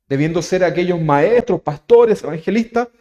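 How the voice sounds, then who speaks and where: A man with a Chilean accent preaches to his congregation as their pastor, his voice sitting a little high. He keeps asking his listeners questions and checking in with "¿verdad?", pushing key phrases up loud and then dropping to quiet asides. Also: animated, normal speed, muffled recording. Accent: Chilean Spanish. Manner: preaching with rhetorical questions, frequent "¿verdad?", rising emphasis and soft asides. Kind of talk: sermon. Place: church.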